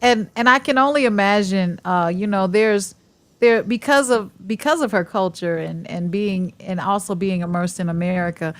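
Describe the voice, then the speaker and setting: A woman's voice: medium pitch, moderate pace. A woman hosting a talk show, chatting effusively with rambling, enthusiastic questions. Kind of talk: casual interview chat.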